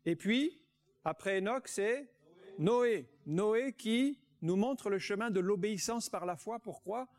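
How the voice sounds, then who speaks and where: A man delivers a sermon in a notably high voice. He reads scripture aloud and preaches with emphasis, drawing out the words he wants to land. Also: lively intonation, slow. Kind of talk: sermon with Bible reading.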